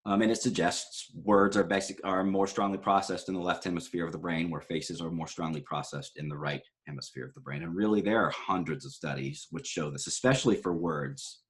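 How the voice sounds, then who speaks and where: A man's voice: deep voice, steady tone, brisk, few pauses. A man lecturing on psychology research, explaining graphs in a conversational way with frequent fillers and self-corrections. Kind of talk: recorded lecture walking through graphs.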